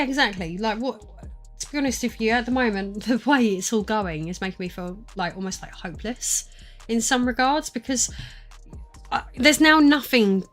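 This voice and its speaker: A woman in her thirties with a mid-range voice and an Estuary English accent chats casually with her live-stream audience from a room at home. She rambles, using lots of fillers and restarting her sentences.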